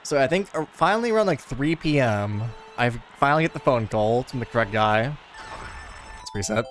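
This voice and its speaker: A man's voice: medium pitch, lively intonation, moderate pace, faint music behind. A young man chatting casually while playing a racing game, telling a rambling story full of fillers. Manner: rambling, laid-back storytelling with many fillers. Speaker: gaming video host. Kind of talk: casual chat over gameplay.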